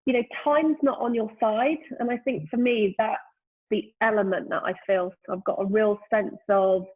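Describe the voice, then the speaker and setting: Over a tinny, phone-like line from a lockdown remote call, a brand founder in her fifties talks as a guest in a reflective, casual interview. Her mid-range voice moves at normal speed with fairly even intonation, and she pauses to find words, often saying "you know."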